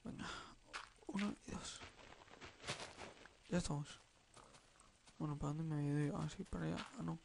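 A man with a Spain Spanish accent giving rambling, excitable let's-play commentary, swearing and singing nonsense syllables as he plays. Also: fairly high pitch, normal speed, gravelly, pauses often, noisy background. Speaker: gamer.

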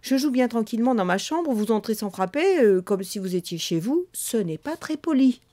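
A woman's voice: a little high, expressive, mellow, close to an everyday voice. A woman voicing a cool, bossy six-year-old girl who scolds and lectures an adult in a storybook reading. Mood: scolding. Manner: curt, scolding, rapid when lecturing.

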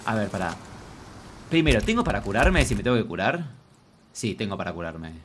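Over slight background noise, a man with a lowish, fairly bright voice streams a let's play, talking very animatedly and briskly. He has a Rioplatense Argentine Spanish accent, chatters to himself and viewers, repeats phrases, and uses feminine forms for himself.

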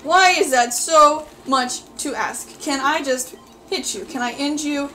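A woman reacting live to her gameplay, excitably pleading and yelling at the screen, with faint game music behind her. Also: high-pitched, measured pace. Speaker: gameplay video host. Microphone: desk mic.

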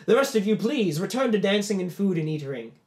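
A man voicing a pompous, wealthy male host who makes grand, booming announcements at his party. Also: sing-song, a little fast. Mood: gracious.

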